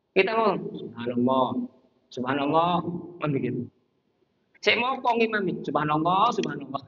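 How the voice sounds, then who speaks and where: High-voiced ustaz lecturing in a mosque. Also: male voice, lo-fi sound. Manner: animated, acts out little scenes and chants to show intonation. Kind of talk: conversational religious lecture. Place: mosque hall.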